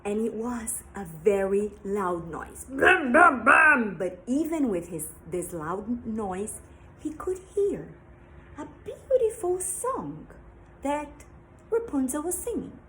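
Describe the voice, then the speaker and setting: Slow, sing-song woman storyteller. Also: medium pitch, very animated, a little mellow, a little hiss or hum, poor audio. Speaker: storyteller for young learners. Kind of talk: children's storytelling.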